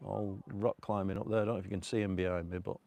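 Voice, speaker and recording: A man's voice: low-pitched, flat delivery, fast, creaky, darkish tone, no room sound. A man with a Manchester accent talking casually on a live stream outdoors, rambling and chatty, with lots of fillers, speaking into a phone on a selfie stick. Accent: Northern English (Manchester). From North Manchester, England. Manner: rambling, chatty, laughs often, many fillers. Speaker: vlogger. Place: outdoors at a rocky cove by a river.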